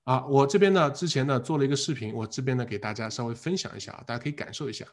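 A man teaching an English exam class in a live online lecture, speaking with an animated manner, asking the class questions and repeating words as drills. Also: mid-range voice, racing.

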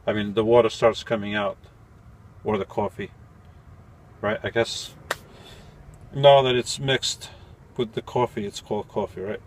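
A man's voice: on the low side, steady tone, unhurried, long pauses, slight background noise. A man in his forties, a van-life vlogger, talking casually to camera while brewing coffee, thinking aloud and correcting himself. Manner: thinking aloud, self-correcting, mildly puzzled. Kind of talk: casual how-to talk while making coffee. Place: small cluttered van interior at night.

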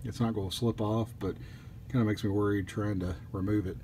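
A man casually reviewing a collectible statue at a table indoors, easygoing, with frequent pauses. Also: fairly low pitch, fairly even intonation, mellow, a little hiss or hum.

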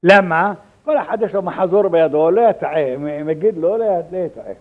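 An older man, a rabbi, teaching religious law in a halting way with repeated words, acting out the dialogue in his anecdotes. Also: on the high side. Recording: tinny phone-like lo-fi recording.

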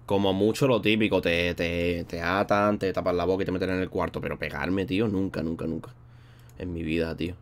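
A man streaming live, chatting casually and rambling in a slangy way while thanking viewers between thoughts. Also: low voice. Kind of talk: casual livestream chat.

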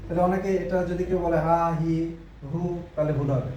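A man whose first language is Bengali walks beginners through a writing lesson, slow and patient, repeating each syllable. His voice sits a little high for a man. He sounds off the mic in a very echoey room with faint noise behind him. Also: fairly even intonation, warm tone, recorded from a distance. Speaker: Japanese teacher.

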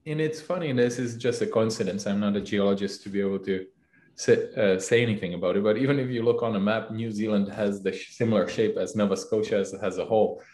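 Guy fumbling through answers with lots of uhs, lowish voice, roomy echo. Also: a little mellow. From Czech Republic. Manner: halting, many fillers and restarts. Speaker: CEO guest. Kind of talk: casual interview answers. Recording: echoey room.

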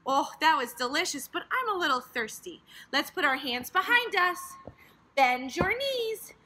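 A woman coaches small children through playful exercises in a very bright, piercing voice with lively swoops in pitch. Her delivery is unhurried, exaggerated and encouraging, picked up by a camera across a big gym. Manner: animated, exaggerated, encouraging sing-song delivery. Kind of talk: playful guided exercise lesson for young children. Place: large indoor gymnastics gym. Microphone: camera a few metres away. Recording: faint room noise, camera across gym.

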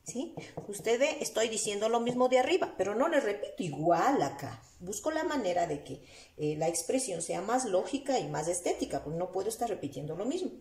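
A woman teacher with an Ecuadorian Spanish accent explains a lesson slowly, step by step, asking her students rhetorical questions as she writes on the board. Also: mid-range voice, lively intonation, darkish tone. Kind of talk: recorded class lesson. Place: room with a whiteboard. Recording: echoey room.

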